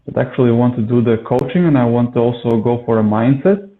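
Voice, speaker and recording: A man's voice: medium pitch, fast talker. A man from Latvia, a yoga and mindset coach, talking in an interview with many hesitant filler sounds. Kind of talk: conversational interview. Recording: tinny phone-like call audio.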